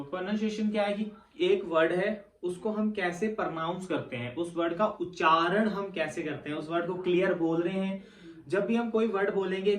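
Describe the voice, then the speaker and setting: A man's voice: high voice, recorded from a distance. A man teaching a test prep lesson, explaining step by step and checking in with his listeners as he goes. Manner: explains step by step, repeats "theek hai" to check in. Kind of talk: classroom-style lesson. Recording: echoey room, mic set back.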